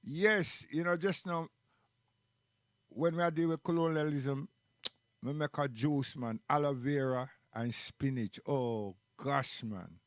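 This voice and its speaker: A man's voice: medium pitch, unhurried, dry recording, clean studio sound. A man with a Caribbean accent chatting casually in Rastafarian speech, emphatic and full of rhetorical questions. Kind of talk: casual chat and commentary.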